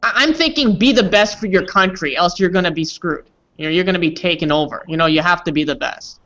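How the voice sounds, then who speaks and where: A man with a bright, forceful voice runs an online English class, throwing questions at his students in a chatty way. The call audio is dull and lo-fi. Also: high-pitched, fast talker. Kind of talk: casual class discussion. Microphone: video call.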